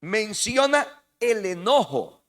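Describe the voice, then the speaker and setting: A man's voice: high voice, sing-song, takes it slowly, fairly bright tone. A Salvadoran man preaching a sermon as pastor, emphatic and repetitive, often calling out to the congregation as "hermano". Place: church hall. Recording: reverberant church hall.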